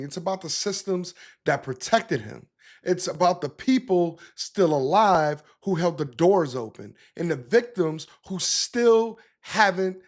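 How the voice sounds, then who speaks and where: A man hosting a political commentary show, talking in an emphatic, conversational way and reacting to the clips he plays. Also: fairly high pitch. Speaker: podcast host.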